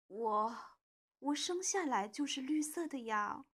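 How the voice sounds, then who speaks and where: A small, shy wolf cub speaks up in a high, bouncy voice with a breathy edge, as a woman reading a storybook puts him on. He is timid but stubborn, and his words come out childlike and eager. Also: lively intonation, slow, fairly bright tone, heavily acted.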